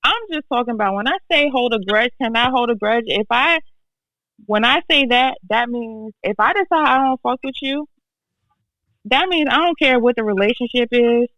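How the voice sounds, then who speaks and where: Podcast cohost, bright sharp voice, dry mic, blunt and emphatic, says it twice to make the point. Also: mid-range voice, moderate pace, no room sound, poor audio. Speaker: podcast co-host. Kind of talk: casual live-stream podcast chat.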